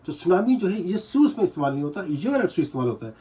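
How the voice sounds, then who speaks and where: Man, language teacher, slightly high voice, warm mellow tone, repeats each sound. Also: big pitch swings. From Pakistan. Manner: explains slowly, repeats syllables many times. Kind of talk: casual spoken lesson.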